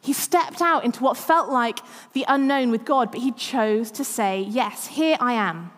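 A woman's voice: high-pitched, moderate pace, a bit bright, in a large hall. A woman in her thirties preaching a sermon, chatty and self-deprecating, often laughing at herself. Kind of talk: sermon with personal stories.

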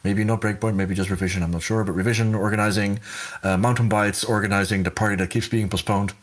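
A man's voice: lowish voice, steady tone, fast. A man hosting a podcast in casual chat, talking in a rambling way with restarts and laughter. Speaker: podcast host.

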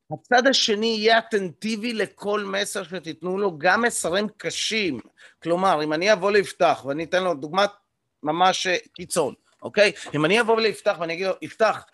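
Male workshop coach, fairly high voice, explanatory, hesitant fillers, keeps checking in with the room. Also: a bit bright, dry recording, studio quality. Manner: explanatory, checks in often with the audience. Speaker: communication coach leading a workshop. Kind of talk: live teaching to a group.

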